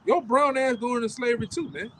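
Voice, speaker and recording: A man, street preaching outdoors in a forceful, repetitive, profane way that keeps ending phrases with "man". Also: extremely high pitch, quick pace, low-quality recording. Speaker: street preacher leading the camp.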